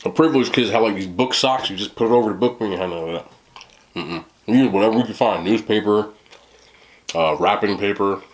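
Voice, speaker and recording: A man with a fairly low voice hosts a casual mukbang. He rambles in joking, slangy chat and keeps talking between bites of food. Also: a little fast, rough recording. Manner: talks between bites while eating. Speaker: mukbang host. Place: small indoor room, seated at a table.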